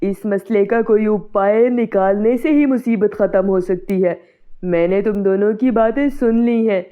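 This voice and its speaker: A woman's voice: mid-range voice, measured pace, clear, resonant tone, close to an everyday voice. Woman voicing a firm, decisive neighbour man. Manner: firm, reassuring planning. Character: calm helpful male neighbour, steady and decisive. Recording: tinny phone-like sound.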